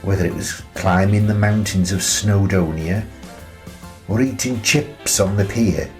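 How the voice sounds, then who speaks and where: Faint music plays behind a low-pitched male actor voicing a wistful grandfather in his sixties, a retired teacher. He tells his story as a measured, reflective radio play monologue, pausing between phrases.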